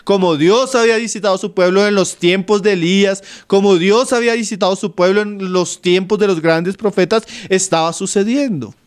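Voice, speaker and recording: A man from Colombia preaching an expository Bible sermon, who keeps checking in with the congregation, calling them brother, and drops low at the ends of his phrases. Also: clean tone. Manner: keeps asking the flock "¿sí?" and "¿no?", calls them "hermano"; swings between loud quoting and low, trailing phrase ends.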